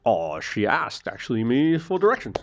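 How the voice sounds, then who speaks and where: Man putting on a gruff old sailor, chatty. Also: medium pitch, very animated, moderate pace, muffled recording. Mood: friendly, chatty. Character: friendly old male sailor, tavern regular. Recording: music behind the voice.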